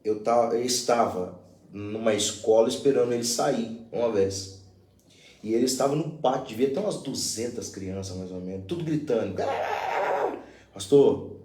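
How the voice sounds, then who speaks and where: A man's voice: medium pitch, warm tone, reverberant, far from the mic. A man, a pastor, sharing a friendly personal story in conversation. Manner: friendly, tells personal stories. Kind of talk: conversational anecdote.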